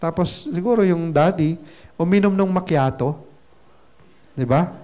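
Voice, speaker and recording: A man's voice: a little high, unhurried, dark tone. Man giving a chatty seminar talk. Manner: chatty Taglish, constant tag questions to the audience. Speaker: business mentor and speaker.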